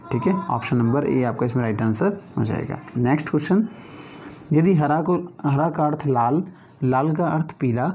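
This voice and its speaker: A man's voice: fairly high pitch, mellow, slight background noise. A man teaching an exam-prep lesson, working through reasoning questions one by one and often checking in with his students.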